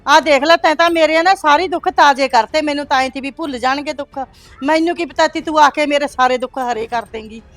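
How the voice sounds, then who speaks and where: A woman's voice: on the high side, a little fast, darkish tone, no echo, soft background music, close to an everyday voice. A woman acting as an older village mother, coaxing her son and calling him "son" at every turn. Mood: shrill, scolding. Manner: coaxing, repeating "son" often. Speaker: actor in a short film.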